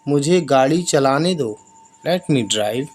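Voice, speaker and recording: A man teaching basic English in Hindi, explaining each example and repeating the phrases slowly. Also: mid-range voice, animated, a little mellow, a little hiss or hum. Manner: slow, drawn-out repetition of example phrases.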